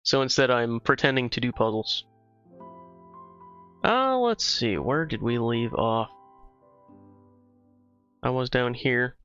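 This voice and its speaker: A man's voice: mid-range voice, animated, takes it slowly, long pauses, pushed and bright, clean tone. A man livestreaming a game, chatting casually with viewers in a loose, profane way. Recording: slightly dull stream audio with music.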